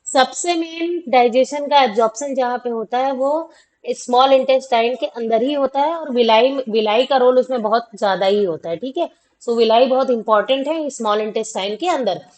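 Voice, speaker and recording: A woman's voice: a little high, moderate pace, darkish tone, low-quality recording. A woman teaching a school science lesson, asking questions and answering them herself, with frequent check-ins to students. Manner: repeats questions and answers them, many "theek hai" checks. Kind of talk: classroom explanation of a class 10 lesson.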